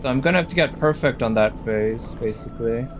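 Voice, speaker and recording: Over loud video game music and other background noise, a man with a medium-pitched voice talks briskly. He offers casual live commentary as he plays, thinking out loud and often questioning what he's looking at.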